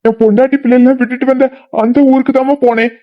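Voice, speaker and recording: Lamenting and self-blaming at first, then angry, a voice actor portrays a remorseful middle-aged father in a cartoon drama. His voice sits high and level, moves fast, has lo-fi sound, and stays close to an everyday voice.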